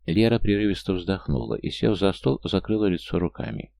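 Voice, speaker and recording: Very deep, gravelly male audiobook narrator. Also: very animated, brisk, mellow, dry recording. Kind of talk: scripted narration.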